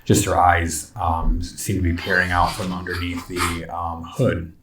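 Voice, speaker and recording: A very low-voiced man narrates as game master, describing scenes in loose, casual phrases full of fillers. The sound is roomy and echoey, with the speaker set back from the microphone. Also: completely flat delivery, a little slow, noisy background. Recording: echoey room, distant from mic.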